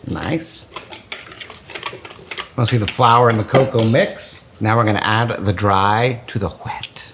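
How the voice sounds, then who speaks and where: A man's voice: on the low side, unhurried, noisy background. A man hosting a casual cooking demo, joking and crude as he bakes. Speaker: cooking show host.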